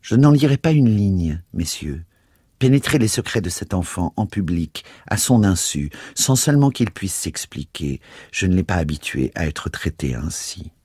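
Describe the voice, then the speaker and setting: A man's voice: low voice, sing-song, normal speed, a little mellow, husky, dry recording, studio quality, exaggerated voice. A man voicing a proud, firm mother. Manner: firm, restrained. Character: dignified, proud middle-aged woman, mother.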